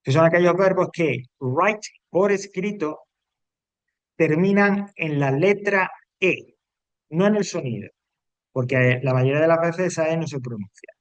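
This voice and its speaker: A man's voice: fairly high pitch, a little slow, dry recording, muffled recording. Male teacher, patient and repetitive, dry close sound. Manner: explains step by step, repeats rules, checks in with "¿vale?". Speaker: English teacher. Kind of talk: classroom grammar lesson.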